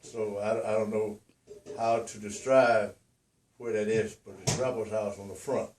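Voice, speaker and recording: An elderly man from talks, pausing often as he searches for words. The recording is roomy and distant, with a faint ambient hum. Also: on the low side, steady tone, a little mellow. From Louisiana. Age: 80s. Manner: halting, lots of uh pauses. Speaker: interviewee. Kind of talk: casual family interview.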